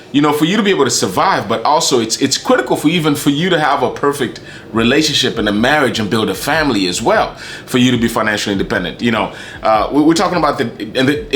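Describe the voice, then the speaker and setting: Hosting his own channel, a Kenyan man delivers a casual talking-head monologue, often repeating words and restarting sentences. His mid-range voice is a bit bright, and there's slight background noise.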